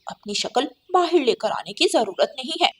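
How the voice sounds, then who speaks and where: A woman voicing a harsh, scolding female crow sister-in-law in a cartoon, shrill and sneering. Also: sing-song, moderate pace, breathy edge, full character voice.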